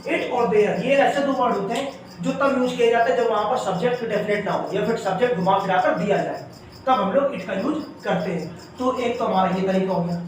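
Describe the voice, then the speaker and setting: A man's voice: high-pitched, a little fast, slight background noise. A man teaching a grammar lesson in a classroom style, explaining step by step and often checking in with the class. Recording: echoey room, voice from far off.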